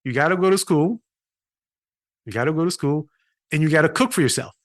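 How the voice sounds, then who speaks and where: In a clean, dry studio recording, a middle-aged physician from Haiti who also consults on patient experience speaks in a fairly high, expressive voice at a slightly fast pace. He recounts his story earnestly for a podcast interview, with restarts.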